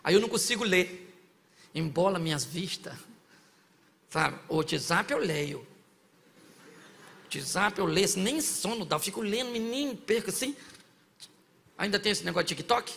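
A man voicing a lazy male churchgoer who makes excuses in a low, mumbling way. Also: expressive, unhurried, creaky, long pauses, a bit bright, exaggerated voice. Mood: drowsy, whiny. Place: church sanctuary. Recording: long church reverb.

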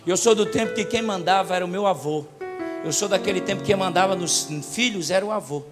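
A man preaching a sermon as a pastor, telling stories and swinging from soft talk to loud preaching. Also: sits high, fast talker. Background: music.

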